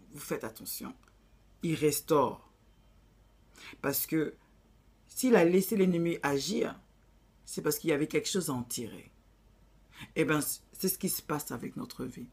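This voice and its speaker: A woman's voice: low voice, slightly rough. A woman with an African accent giving blunt, preachy relationship advice in a casual vlog, dropping in English phrases.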